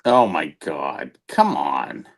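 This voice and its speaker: A man's voice: a bass voice, huge pitch swings, slow pace, creaky. A man in casual banter, chiming in teasingly with short interjections. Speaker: hobby talk show panelist.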